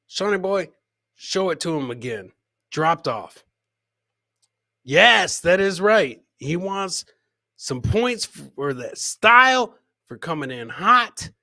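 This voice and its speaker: An American comedian in his forties hosts a live clip show, giving casual, exclamatory live-stream commentary and repeating his catchphrases often. His voice is on the high side, pushed and bright, captured dry and studio-clean on a close boom mic with headset.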